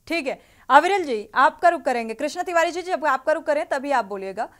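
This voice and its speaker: A woman's voice: high voice, lively intonation, a little fast, a bit bright. A woman anchoring a TV news debate, putting pointed questions to the panelists. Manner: pressing, questioning.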